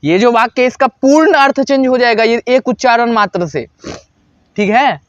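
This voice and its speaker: A man teaching a Sanskrit grammar lesson, who asks questions and answers them himself and repeats each example slowly. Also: very high voice, dry recording, highs cut off.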